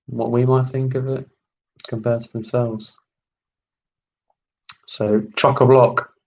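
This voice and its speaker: A man hosts a live online quiz at a leisurely pace. He reads every question deliberately and repeats each term several times. His voice sits at an ordinary middle pitch. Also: little pitch movement, gravelly, darkish tone, muffled recording. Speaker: quiz host.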